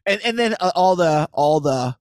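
Lively rambling male podcast co-host. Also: fairly high pitch, moderate pace, clear, resonant tone, no echo, studio quality. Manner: rambling, animated, lots of restarts and asides. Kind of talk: casual chat.

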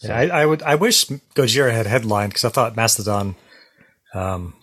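A man's voice: fairly low pitch, lively intonation, moderate pace, fairly bright tone, breathy edge. A man co-hosting a podcast in casual chat, telling stories in an easygoing way full of "like". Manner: easygoing storyteller, many "like"s. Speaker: podcast co-host.

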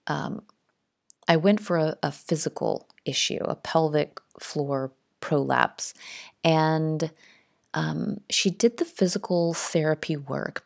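A middle-aged woman hosting a spiritual talk in a casual monologue, speaking softly and often dropping to a hushed whisper. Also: lowish voice, gravelly. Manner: soft-spoken, drops to hushed whispers. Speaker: spiritual podcast host.

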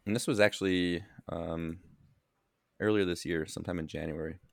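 A man co-hosting a podcast who talks in halting bursts with self-corrections and reads search results aloud, with the hiccups. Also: sits low, fairly even intonation, creaky, no echo, clean studio sound. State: has the hiccups. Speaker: podcast co-host. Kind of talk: casual chat.

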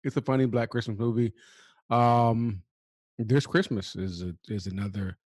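A man's voice: mid-range voice, moderate pace, darkish tone, dry recording. A man chatting casually as a podcast co-host. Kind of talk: casual chat.

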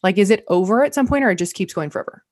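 A woman co-hosting a podcast in casual chat, wry and playful with quick asides. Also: mid-range voice, animated, darkish tone, no room sound, clean studio sound. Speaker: podcast co-host.

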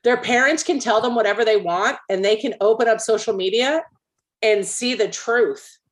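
A woman's voice: a little high, moderate pace. A woman hosting a podcast in casual chat. She is opinionated and joking, and she steers the conversation. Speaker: podcast host.

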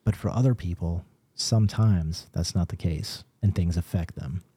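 A man with a low, very dark voice talks through his ideas in an unhurried, explanatory way. He is co-hosting a casual podcast chat, often restarting his sentences, and the sound is dry and close. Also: husky, no echo. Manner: measured, explanatory, with filler restarts. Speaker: podcast co-host, paranormal investigator.

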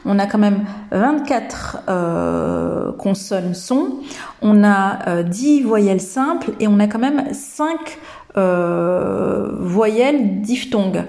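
A woman hosts a podcast lesson with a mellow, warm voice. She speaks slowly and hesitantly, pausing on fillers as she explains. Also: mid-range voice, lively intonation, vocal fry. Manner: slow and hesitant, many fillers. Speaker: English teacher and podcast host.

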